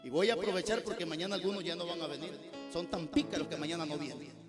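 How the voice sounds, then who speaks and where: A male pastor with a Guatemalan accent preaching a fiery, scolding sermon at a church service, rising at times to shouts. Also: on the high side, steady tone, fast. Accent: Guatemalan Spanish. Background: music playing.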